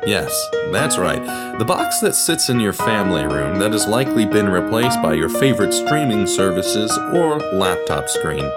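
In a low voice, a man narrates a scripted documentary podcast, telling it like a story and leaning on words with deliberate, dramatic emphasis.

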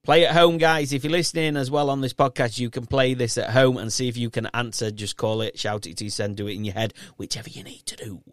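A man's voice: mid-range voice, a bit bright, smooth, dry recording, studio quality. A man with a thick Yorkshire accent hosting a casual podcast in a chatty, encouraging, matey way. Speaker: podcast host and quizmaster.

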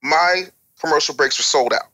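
An American man, a former radio DJ and record maker, talks as an interview guest in a candid, conversational way, blunt, emphatic and streetwise. His voice is on the high side at normal speed, bright and forceful.

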